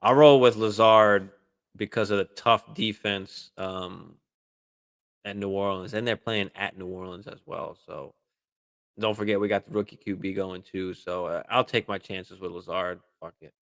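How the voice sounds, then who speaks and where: A man hosting a live fantasy football stream, answering viewer questions in a relaxed, casual way, swearing freely and using lots of fillers and restarts. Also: lowish voice, normal speed, clean tone. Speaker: fantasy football show host.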